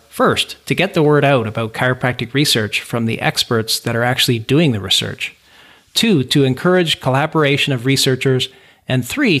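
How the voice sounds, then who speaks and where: A man hosting a podcast, reading a formal introduction and then asking the guest questions with warm encouragement. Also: mid-range voice. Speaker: podcast host. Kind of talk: scripted introduction and interview questions.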